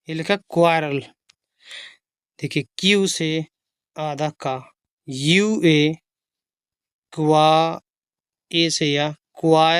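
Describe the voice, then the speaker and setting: An English teacher giving a slow phonics reading lesson, spelling each word out letter by letter and explaining how to pronounce it. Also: medium pitch, clean tone, dry recording. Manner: spells letters aloud one by one, patient and explanatory.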